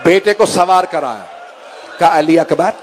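A man's voice: fairly high pitch, lively intonation, a little slow, slight background noise. A man delivering a mourning sermon, emotional and pleading with his listeners, rising to cries. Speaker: majlis orator. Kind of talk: mourning sermon with acted quotes.

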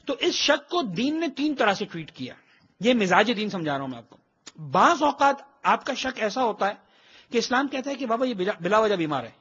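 Bright, husky-voiced man giving a religious lecture. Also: very high-pitched. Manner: explanatory, emphatic, mixes in English phrases. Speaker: cleric teaching a religious class. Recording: dull lo-fi recording.

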